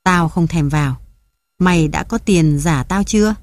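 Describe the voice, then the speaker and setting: A man's voice: a little high, measured pace, no room sound. A woman reading the part of a greedy, domineering old village chief who makes coarse threats. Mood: threatening.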